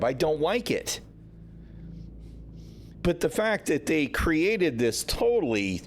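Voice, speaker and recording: A man talks straight to his livestream audience in a loose, unscripted rant. He is sarcastic and exasperated and swears freely. His voice sits at an ordinary middle pitch. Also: a little hiss or hum. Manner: frustrated, sarcastic, swears often. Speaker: livestream host. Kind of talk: casual gaming livestream rant.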